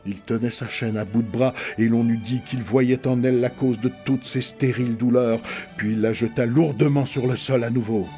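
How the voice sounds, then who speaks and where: Male reader, literary narration, warm tone, radio studio. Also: medium pitch, faint music behind. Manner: measured, expressive storytelling.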